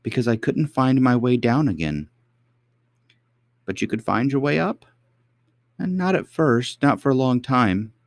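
A man's voice: medium pitch, lively intonation, measured pace, vocal fry, long pauses, no echo, clean studio sound, pitched above the performer's own voice. A man voicing a timid little princess girl who stammers and hesitates.

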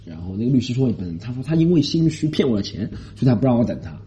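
A man from Shanghai telling a story in a casual monologue, animated, indignant and rambling. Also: medium pitch, racing. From Shanghai, China. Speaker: podcast host. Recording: dull lo-fi recording.

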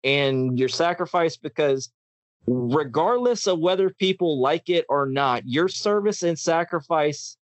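Male podcast host, impassioned ranter, slightly high voice, dry recording. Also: no room sound. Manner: ranting, impassioned, repeats words and restarts. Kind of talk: casual podcast chat.

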